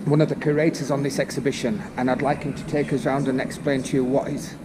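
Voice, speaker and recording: British guy giving a museum tour, friendly, jokes at himself, big loud hum of aircon behind. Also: mid-range voice, little pitch movement, fast. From Britain. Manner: friendly, self-deprecating, with some hesitations. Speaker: host, museum project manager. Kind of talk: casual tour presenting. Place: museum exhibition plaza, indoors. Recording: loud hum of air conditioning.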